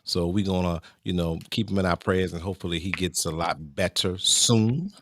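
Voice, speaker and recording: A man's voice: sits low, moderate pace, a bit bright, slight background noise. A man casually hosting a talk show and introducing guests in an informal, conversational way.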